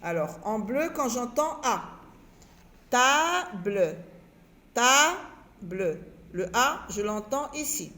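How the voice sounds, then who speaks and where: In an echoey room, a primary school teacher with a slightly high, fairly bright voice and lively intonation patiently guides young children through a reading exercise. Speaking a little slowly with hardly any pauses, she repeats words and stretches them out syllable by syllable.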